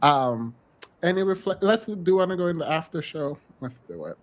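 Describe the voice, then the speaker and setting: A man co-hosting a podcast, reading viewer messages in casual chat, animated and laughing, dropping into low mutters. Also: fairly quick, low-quality recording. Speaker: podcast co-host.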